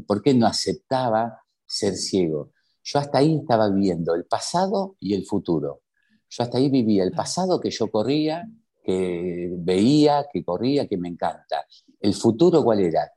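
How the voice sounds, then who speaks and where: An Argentine man with a fairly low, mellow voice recounts his own story as a guest. He talks emphatically, throwing rhetorical questions at his listeners. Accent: Argentine Spanish. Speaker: interview guest. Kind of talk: personal storytelling.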